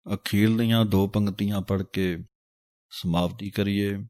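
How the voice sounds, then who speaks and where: A man teaching the correct pronunciation of scripture, chanting each verse slowly and then explaining it in quick spoken asides. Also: lowish voice, fairly even intonation, a little mellow, no echo. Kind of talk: recitation lesson with chanted verses.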